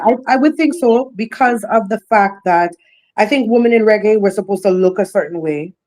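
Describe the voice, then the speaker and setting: A woman reggae singer, talking boldly and laughing often in a casual podcast interview. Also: medium pitch. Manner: bold, animated, laughs often, repeats phrases.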